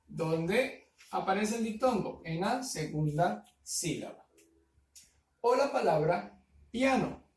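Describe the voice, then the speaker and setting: Echoey, high-voiced teacher explaining grammar. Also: male voice, expressive, far from the mic. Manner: slow, syllable-by-syllable word spelling with frequent "¿verdad?". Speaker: primary school teacher. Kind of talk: recorded grammar lesson. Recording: echoey room, voice off-mic.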